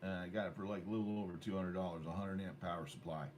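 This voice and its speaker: A man's voice: sits low, fairly even intonation, rapid-fire, darkish tone. A man hosting an amateur radio club net in a casual, rambling, jokey way. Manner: jokey, with mock sponsor plugs. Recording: noisy ham radio room recording.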